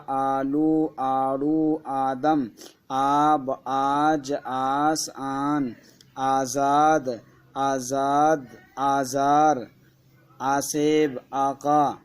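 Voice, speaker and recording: A man teaching an alphabet lesson to children, with a Kashmiri Urdu accent, spelling each word slowly letter by letter. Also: fairly high pitch, a little mellow. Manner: slow syllable-by-syllable spelling drills.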